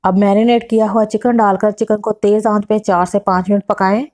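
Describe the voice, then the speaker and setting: Woman, cooking-channel host voicing over a recipe, methodical step-by-step delivery. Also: mid-range voice. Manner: steady step-by-step instructions with measured quantities.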